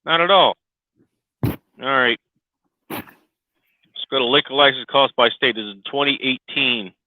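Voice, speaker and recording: A man's voice: medium pitch, measured pace, no room sound. Man ranting over a tinny CB-radio-like headset. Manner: sarcastic, swears constantly, gets loud and fired up. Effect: sounds like a tinny CB radio over his headset. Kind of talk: casual profane rant. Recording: tinny dry lo-fi headset line.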